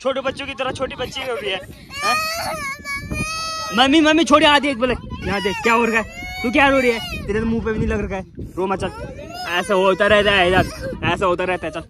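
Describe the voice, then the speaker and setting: A man's voice: high-pitched, fairly quick. A man from Uttarakhand, chatting and teasing in a casual outdoor village vlog. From Uttarakhand, India. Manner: playful, teasing, loud bursts of excitement. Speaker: vlogger. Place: outdoor village rice fields. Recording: outdoor field with crowd noise.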